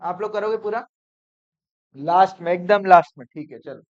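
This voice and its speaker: A man teaching accounts in a classroom lecture, brisk and coaxing, often checking whether students follow. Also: sits high. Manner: brisk, coaxing, peppered with "theek hai?". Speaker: commerce teacher. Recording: dull lo-fi classroom recording.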